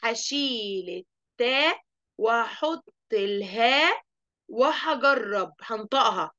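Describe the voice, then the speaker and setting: A woman with an Egyptian accent teaching an online lesson to young children, lively and asking the class questions she then answers. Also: on the high side, slow, dull audio. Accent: Egyptian Arabic. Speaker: primary school teacher.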